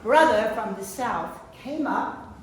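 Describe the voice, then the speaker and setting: A woman's voice: on the high side, expressive, takes it slowly, far from the mic, noisy background. A woman who is a guest performer, telling a chatty anecdote as a toast at a party. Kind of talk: casual storytelling toast. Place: event venue hall. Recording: very echoey hall.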